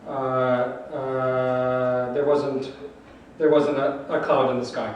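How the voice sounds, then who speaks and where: A man interpreting a talk into English, searching for words with halting restarts. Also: medium pitch, completely flat delivery. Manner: halting, many fillers and restarts. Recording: echoey hall from far off with faint noise.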